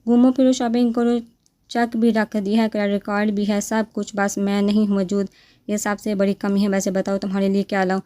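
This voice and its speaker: A woman voicing a tender, doting young husband who speaks softly and affectionately. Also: mid-range voice, flat delivery, smooth, no echo, lightly acted.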